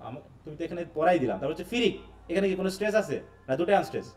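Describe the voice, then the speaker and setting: A man's voice: sits high, animated, very fast, a little mellow, soft background music. A man with a Bangladeshi Bengali accent teaching an English class, explaining by repetition and quizzing his students. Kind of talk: live online class.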